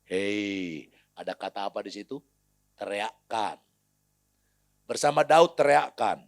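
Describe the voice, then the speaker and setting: A man preaching a sermon to a congregation in a church hall, alternating between quiet storytelling and loud shouted exhortation. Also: lowish voice, lively intonation, slow, vocal fry. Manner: addresses the congregation as friends, often calling out "hei". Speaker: pastor.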